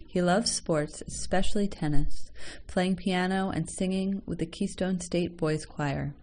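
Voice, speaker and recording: A woman reading a children's story aloud in a gentle, measured way. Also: fairly low pitch, a little hiss or hum. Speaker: story reader.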